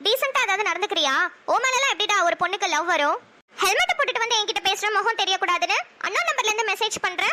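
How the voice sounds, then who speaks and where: A woman's voice: extremely high pitch, animated, quick pace, bright, forceful tone. A woman voicing a fiery young woman who scolds hard in a cartoon. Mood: angry. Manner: scolding, fierce. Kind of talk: cartoon voice acting.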